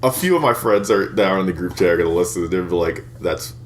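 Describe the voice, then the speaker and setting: A man's voice: sits low, fast, a little hiss or hum. A man in his twenties co-hosting a podcast, telling crude stories in a rambling, casual way and laughing often. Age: 20s. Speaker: podcast co-host. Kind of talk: casual chat.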